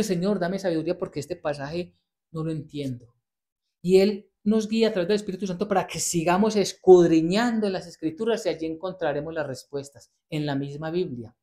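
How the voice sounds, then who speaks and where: A man preaching a sermon on a Bible passage, earnest and emphatic, slowing down to stress key words and repeating pleading prayers. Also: on the high side, darkish tone.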